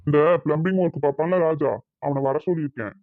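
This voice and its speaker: A busy cartoon husband, voiced by a man who speaks quickly and gets straight to the point. His voice sounds thin and phone-like, a little off the mic. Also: on the high side, dry recording, close to an everyday voice. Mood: brisk. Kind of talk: cartoon voice acting.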